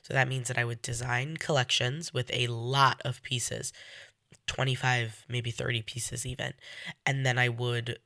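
A woman hosting a casual solo podcast, sounding nasal from a head cold, speaking in a halting, self-correcting way. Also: extremely low pitch, level tone, bright, forceful tone, no echo, studio quality. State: getting over a cold. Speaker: podcast host.

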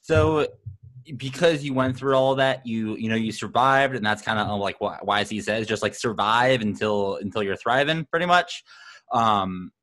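A man's voice: on the low side, moderate pace, a bit bright. A man hosting a startup podcast, asking rambling questions with many fillers. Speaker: podcast host. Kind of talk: podcast interview.

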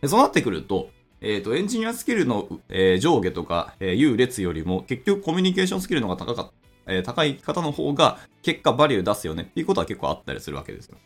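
A man's voice: mid-range voice, huge pitch swings, quick pace. A man in his thirties, a programming instructor hosting a casual solo podcast, thinking aloud with lots of fillers. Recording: faint background music.

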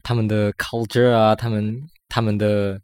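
Co-hosting a casual podcast, a woman from Malaysia with a Malaysian Chinese accent talks fast, code-switches and laughs often. Her voice is extremely low, level, smooth and somewhat dark.

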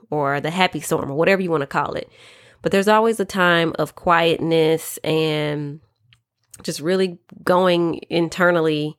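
A woman hosting a solo podcast, talking casually and reflectively in an informal, chatty way. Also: low voice. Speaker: podcast host, life coach.

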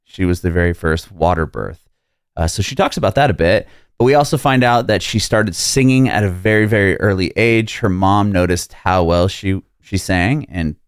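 A man hosting a music podcast, speaking in an energetic, upbeat way and chatting casually with a guest over a video call. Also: lowish voice, smooth, dry recording, studio quality. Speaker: podcast host. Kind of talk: casual interview chat. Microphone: remote video call.

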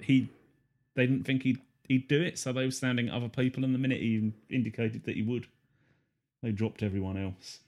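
A man co-hosting a casual podcast chat, dry and measured as he reasons things out. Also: medium pitch, flat delivery, darkish tone. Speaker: co-host.

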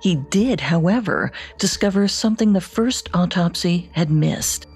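A woman co-hosting a podcast, reading scripted true-crime narration with measured storytelling delivery. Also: lowish voice, darkish tone, husky, faint music behind. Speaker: podcast co-host.

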